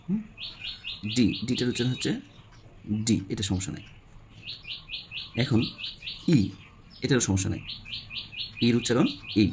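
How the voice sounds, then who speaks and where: A man's voice: medium pitch, measured pace, long pauses, background noise. A man with a Bangladeshi Bengali accent, teaching a spoken English lesson and checking in with his class. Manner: repeats questions to the class, frequent "হ্যাঁ?" checks.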